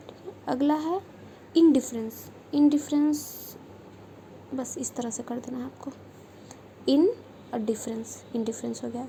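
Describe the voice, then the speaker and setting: A woman teaching shorthand, slowly repeating each word as she demonstrates it. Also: high voice, vocal fry, warm tone, slight background noise, rough recording. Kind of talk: instructional lesson.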